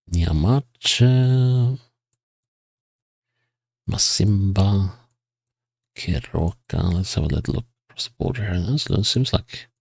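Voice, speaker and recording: A man giving casual gameplay commentary, musing to himself and reading signs and place names aloud in a husky voice. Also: sits low, darkish tone, no room sound. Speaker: GeoGuessr player.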